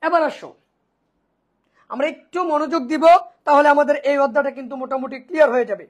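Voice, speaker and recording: A woman's voice: high voice, quick pace, lo-fi sound. A woman teaching an online accounting class, asking and answering her own questions and repeating key points, often checking whether students follow.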